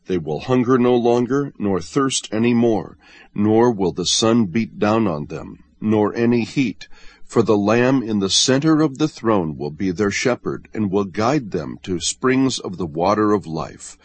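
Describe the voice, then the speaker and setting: A man giving a measured, solemn scripted reading of scripture. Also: lowish voice, animated, breathy edge. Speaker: audiobook reader.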